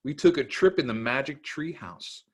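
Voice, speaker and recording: A confident little storybook girl with a breezy manner, put on by a man reading aloud. The voice jumps up high, as in a story told to children. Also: expressive, normal speed, natural voice. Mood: breezy, sure.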